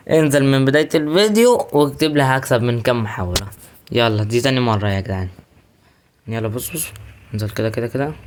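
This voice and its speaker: Fast-talking excitable Egyptian gamer man. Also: mid-range voice. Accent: Egyptian Arabic. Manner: excitable, chatty, addresses viewers directly. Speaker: gaming YouTuber. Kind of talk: live gameplay commentary.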